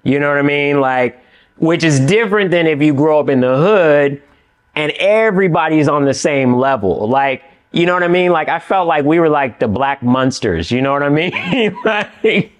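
A middle-aged man from California, an actor and writer talking as a guest in a casual studio interview, animated and full of "you know what I mean". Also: a little high, normal speed. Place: indoor studio with dark backdrop.

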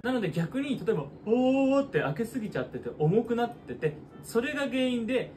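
A man's voice: very high-pitched, sing-song, fast talker, a little mellow. A man teaching as a voice trainer, explaining vocal technique and breaking into short sung demonstrations. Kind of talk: singing lesson explanation. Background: guitar music.

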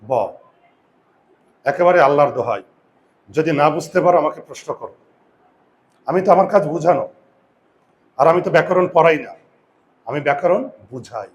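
A man teaching a grammar lesson, asking students rhetorical questions and slowly stressing and repeating key words, with confident asides. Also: on the high side, lively intonation, muffled recording. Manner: addresses students directly with frequent rhetorical questions. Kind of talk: classroom-style video lesson.

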